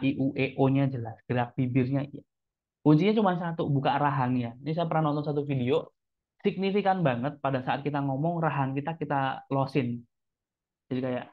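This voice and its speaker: A man who works as a speaking trainer gives casual, chatty tips. He speaks straight to his listeners and acts out examples as he goes. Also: mid-range voice. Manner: chatty, addresses listeners as friends, demonstrates examples. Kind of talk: casual teaching talk. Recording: tinny phone-like sound.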